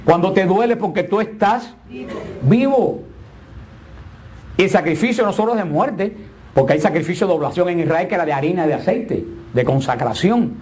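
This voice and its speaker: A man's voice: high voice, animated, moderate pace, long pauses, a little mellow. A middle-aged man preaching a sermon with emphatic, swinging delivery and joking asides.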